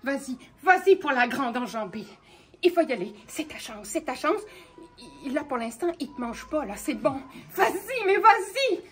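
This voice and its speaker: A woman voicing a chorus of eager forest birds who loudly and insistently urge a young bird to fly. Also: sits high, brisk, few pauses, soft background music, lightly acted. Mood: urging. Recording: distant mic with background noise.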